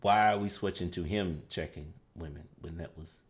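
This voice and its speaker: A man on a discussion panel, explaining his view in a measured way and steering the talk back on topic. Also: low voice, slight background noise.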